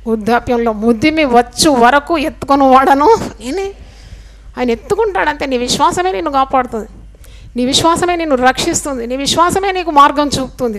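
A woman's voice: high-pitched, lively intonation, a little fast, a bit bright. A woman preaching a sermon fervently, asking the congregation questions and answering them herself, often calling out hallelujah. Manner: call-and-response questions to the congregation; fervent, repeats hallelujah and praise to God.

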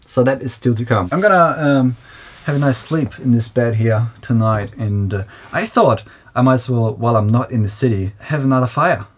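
A young man giving a relaxed, chatty walkthrough of his camper van build, recorded on a camera mic in a small wood-panelled van. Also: medium pitch, normal speed. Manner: relaxed, chatty, many fillers. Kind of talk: casual vlog walkthrough.

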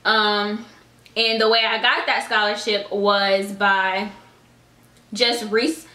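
A woman's voice: on the high side, bright, forceful tone, roomy sound. A pregnant woman in her twenties, chatting casually on her vlog and giving advice, a little out of breath, saying "y'all" and "girl". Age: 20s.

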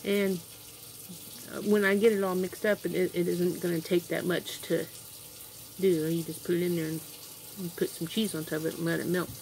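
Her voice is lowish, gravelly and darkish, with little pitch movement, at normal speed. This older Kansas home cook chats to camera as she cooks, thinking aloud and wandering on and off the built-in camera mic, with slight hiss, a running tap and kitchen clatter behind her.

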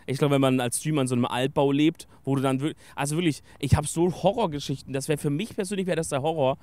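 A man's voice: fairly high pitch, fast talker, darkish tone, dry recording. A young man hosting a podcast and chatting casually in youthful slang. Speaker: podcast host, streamer. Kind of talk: casual chat.

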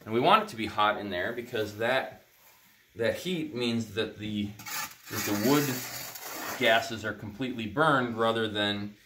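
This is a middle-aged natural builder, lowish-voiced and unhurried, demonstrating a cob heater hands-on by pulling it apart indoors in a barn workshop. He rambles, full of ums and uhs. The audio carries a noisy background and a roomy echo.

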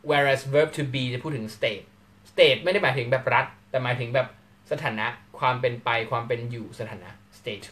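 A man with a medium-pitched voice teaches English grammar in a live lecture. He's animated and acts out short question-and-answer exchanges.

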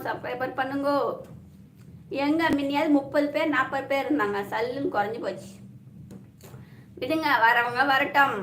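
High-voiced woman chatting on a live stream. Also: a bit bright. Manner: chatty, greets viewers by name, teasing and familiar. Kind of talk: casual live chat reading viewer comments. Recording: echoey room with faint ambient noise.

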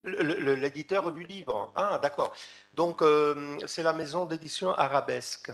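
A man moderating questions at a conference, halting and stumbling over his words. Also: on the high side, poor audio.

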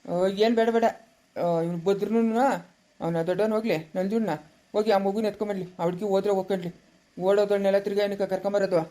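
A woman's voice: mid-range voice, fairly even intonation, quick pace, warm tone, close to an everyday voice. Woman playing a grumpy village father. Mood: dismissive. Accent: Chikkaballapur rural Kannada. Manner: scolding, exasperated. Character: grumpy middle-aged village father, male. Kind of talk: village comedy skit.

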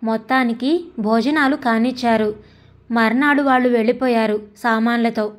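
Woman narrator, fairly high voice, steady storytelling read. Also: normal speed. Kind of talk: story reading.

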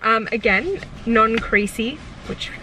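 A young woman with a slightly higher voice chats about her thrift finds in short, dry, playful remarks. The mic sits some distance off, with clear background noise running underneath. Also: slow, pushed and bright. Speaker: friend co-hosting the haul. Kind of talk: casual chat.

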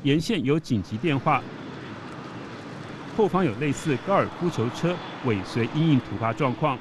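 Lively male news narrator, noisy. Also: medium pitch, normal speed. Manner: steady explanatory narration. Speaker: news reporter.

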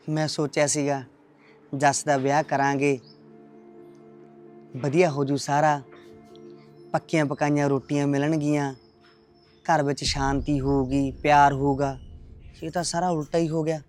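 A man playing a grumbling old village father, suspicious and self-pitying, who talks in a slow, heavy, complaining way. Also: a little high, level tone, darkish tone, faint music behind, lightly acted. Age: older. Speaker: father-in-law.

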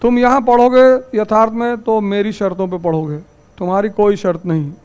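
High-voiced man giving a folksy lecture. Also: steady tone, normal speed, a little mellow, clean tone, soft background music. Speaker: civil services exam teacher. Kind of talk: anecdotal classroom lecture. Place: classroom.

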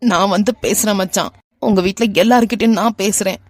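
A guilt-ridden young man from a cartoon, voiced by a woman with a Kanyakumari Tamil accent. He pleads and apologises in a slow, teary way, at an ordinary middle pitch. The recording is dry and close. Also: fairly even intonation, darkish tone, no room sound, close to an everyday voice. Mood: pleading. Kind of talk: animated web cartoon voice acting.

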